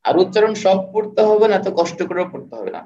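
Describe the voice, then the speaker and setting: A man teaching an online class, patiently repeating words and sounding them out slowly. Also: sits high, big pitch swings, dark tone. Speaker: online tutor. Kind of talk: live online lecture. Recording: roomy, distant, dull sound.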